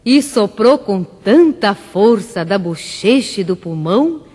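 A woman reading a rhymed children's story for radio in a slow, sing-song way. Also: mid-range voice, expressive, warm tone, husky, long reverb tail.

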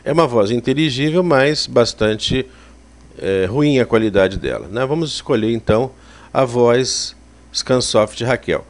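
Brazilian man explaining software, medium pitch. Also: expressive, a little slow. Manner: explanatory, conversational. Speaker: software instructor. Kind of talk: spoken software tutorial.

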